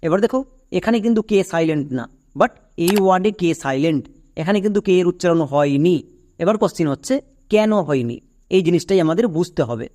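A man with a high-pitched voice walks learners through pronunciation rules in a classroom-style lesson. He breaks each word into its letters and repeats each rule. He keeps asking the class questions to check that they follow. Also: animated, quick pace, darkish tone. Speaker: English pronunciation teacher.

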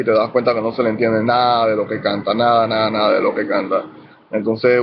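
A man of middle pitch gives a casual, instructive lesson on rap delivery, going through his points one by one. The recording is slightly dull and lo-fi, with faint noise in the background. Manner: instructive, lays out points in numbered steps. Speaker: urban music artist teaching rap technique. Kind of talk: casual explanatory video lesson.

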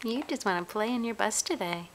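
A woman, a mother, chatting gently in a sing-song way to her toddler, repeating simple questions. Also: mid-range voice, lively intonation, brisk. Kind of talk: casual child-directed chat, gentle questions to a toddler. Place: carpeted room at home. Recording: home camera with clear background noise.

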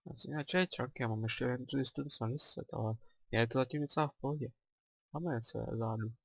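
A man with a Czech accent giving casual let's play commentary, chatty and thinking aloud with excited exclamations. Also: mid-range voice, creaky, no echo.

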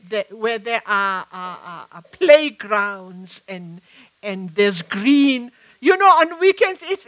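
Speaking reflectively with frequent restarts and hesitations, this older South African woman, an author and activist, is in a public on-stage conversation at a live event. Her slow, bright voice sits a little high. Captured on a headset mic, the recording is rough.

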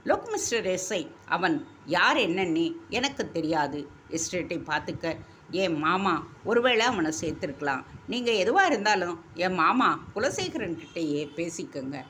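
A woman voicing a wealthy young man who fires off sharp, commanding questions. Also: fairly low pitch, very animated, measured pace, a little hiss or hum. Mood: demanding. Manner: brusque, demanding questions.

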